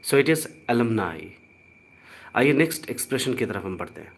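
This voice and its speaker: A man's voice: medium pitch, sing-song, vocal fry, slightly rough. A man with an Indian accent teaching a live online pronunciation lesson, spelling out letters and repeating each word with care. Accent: Indian English. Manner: slow, deliberate, spells out letters and repeats words. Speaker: English teacher.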